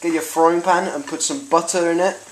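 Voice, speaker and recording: Brief: Spanish-accented man, casual home cooking vlog, giggly and self-correcting, echoey kitchen with loud frying noise. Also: on the high side, fairly even intonation, fairly quick. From Spain. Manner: rambling, giggly, corrects himself. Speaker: home cook presenting a recipe. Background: sizzling pan and stirring.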